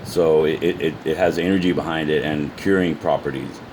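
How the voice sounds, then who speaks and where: A man giving a casual, unscripted explanation to viewers, halting as he goes, often repeating words and trailing off. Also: rumbling low, steady tone, noisy background. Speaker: amateur video presenter.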